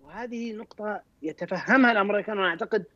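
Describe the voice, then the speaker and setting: Man, military commentator on a talk show, rapid, hesitant with restarts; somewhat high voice over a dull, dry remote link. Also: sharp tone, no echo. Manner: hesitant, many restarts and throat clearing. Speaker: military expert guest.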